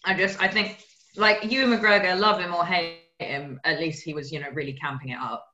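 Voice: mid-range voice, steady tone, brisk, pushed and bright, lo-fi sound. A speaker giving blunt, candid opinions in a casual film review chat. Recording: echoey room with faint hiss.

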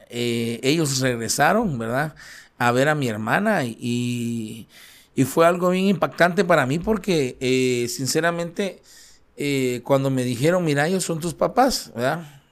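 A man with a Central American Spanish accent tells his own story as an interview guest. He speaks in a halting way, leaning on fillers and repeated tag questions at a medium pitch. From Guatemala, raised in El Salvador. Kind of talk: personal testimony in an interview.

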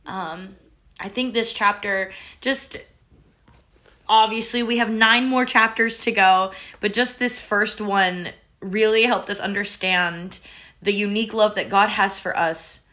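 A woman's voice: medium pitch, steady tone, unhurried, sharp tone. A woman hosting a faith book club discussion on a video call, speaking in an encouraging, reflective way. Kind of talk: casual group discussion.

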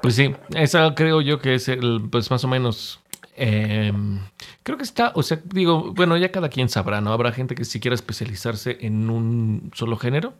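A man's voice: medium pitch, moderate pace. A man with a Mexican accent in a casual, slangy, wry chat as a co-host. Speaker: co-host, music producer.

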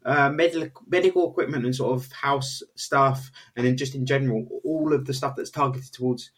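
A young man hosts a podcast in a casual, conversational way. His voice sits at a middling pitch and sounds nasal and stuffed up with a cold. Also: fairly even intonation, fairly quick, fairly bright tone. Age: young adult. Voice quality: nasal, congested voice. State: has a head cold. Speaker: podcast host.

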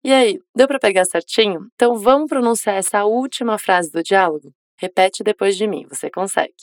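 A woman teaching English, explaining phrases and modeling them slowly for listeners to repeat. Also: medium pitch, no room sound, clean studio sound. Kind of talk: language lesson narration.

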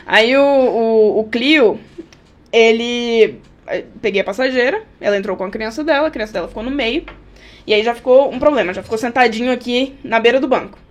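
A woman's voice: fairly high pitch, normal speed, slight background noise. A woman who drives for a rideshare app, telling stories from her rides as a guest in casual chat and acting out scenes with sound effects. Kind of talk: casual chat, anecdotal storytelling.

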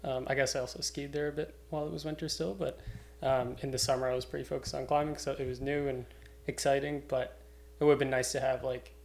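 A man's voice: mid-range voice, flat delivery, quick pace, vocal fry. A young man, chatting casually and informally as a podcast guest. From Cape Breton, Canada. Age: young adult. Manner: loose, informal, swears casually. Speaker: podcast guest, climbing route setter. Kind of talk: casual chat.

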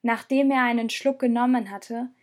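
A woman's voice: a little high, fairly even intonation, moderate pace, darkish tone. Woman narrating a storybook. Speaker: audiobook narrator. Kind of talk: scripted narration.

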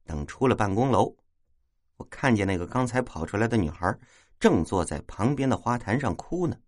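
A man telling a first-person ghost story in a wry, lively way. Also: on the low side, moderate pace, no echo, studio quality.

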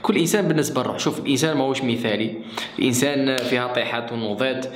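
A man's voice: medium pitch, rapid-fire. A man with an Algerian accent, earnestly explaining in casual talk. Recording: roomy echo, faint noise.

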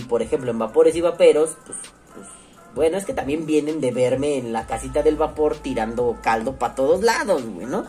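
A man's voice: mid-range voice, mellow. A man with a Mexico City accent rambles casually to his audience, swearing freely and slipping into slang. He acts out other people's voices as he talks, with faint music in the background. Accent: Mexico City Spanish. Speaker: online show host reading comments. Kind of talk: casual profane monologue.

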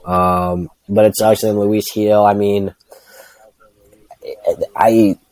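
A man's voice: lowish voice, little pitch movement, drawn-out words, darkish tone, no room sound, rough recording. A man talks sports as a podcast panelist. The sound is close and dry, and his phrasing is loose and conversational, full of little verbal hedges. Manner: hedging, repeatedly says like and you know. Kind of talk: casual baseball analysis chat.

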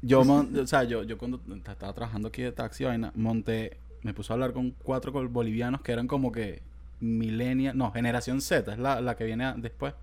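A man's voice: mid-range voice, steady tone, a little fast, darkish tone. A man, chatting casually in a slangy, joking way. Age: 20s. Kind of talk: casual chat.

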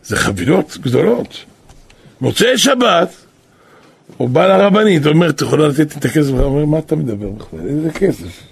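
Male rabbi, lively storytelling sermon, very husky and gravelly, shouts for emphasis. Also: fairly high pitch. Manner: animated storyteller who bursts into shouts for emphasis. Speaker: rabbi and kabbalist teacher.

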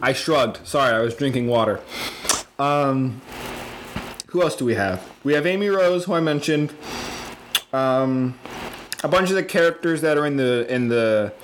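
A man in casual chat, rambling with lots of fillers and getting excited as he explains. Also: mid-range voice, moderate pace, pauses often, background noise.

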